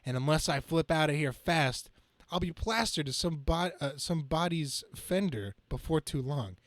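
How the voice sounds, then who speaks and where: A man's voice: on the high side, animated, normal speed, close to an everyday voice. A man voicing a wisecracking young superhero and student, narrating his own action dramatically in a comic book reading. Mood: strained. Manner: quippy, dramatic self-narration.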